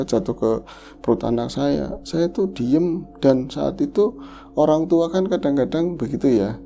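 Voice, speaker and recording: A man narrates a listener's sad ghost story as if it were his own, emotional and steady. His voice is deep in tone, very dark, and gravelly. Soft music plays faintly underneath. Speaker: horror podcast host. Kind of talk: first-person horror storytelling.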